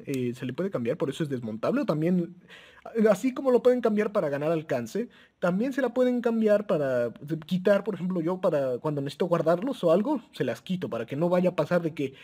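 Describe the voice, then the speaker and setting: With a mellow, high-pitched voice that is animated and brisk, a radio equipment reviewer walks viewers through a handheld radio in an easygoing demo. He's hesitant, stumbling over restarts and fillers, and laughs softly now and then as though among friends.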